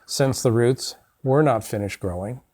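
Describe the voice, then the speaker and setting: An older man, an oral surgeon, giving a scripted educational narration of case histories in a measured, formal manner with emphasis on key words. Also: mid-range voice, darkish tone. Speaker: oral surgeon presenting cases.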